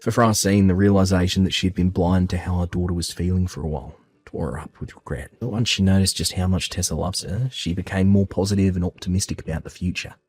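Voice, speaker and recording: A man calmly telling his own family story in the first person and voicing his part of the dialogue with reassuring warmth. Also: low voice, fast, hardly any pauses, breathy edge, no echo, faint music behind. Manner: calm, reassuring, heartfelt.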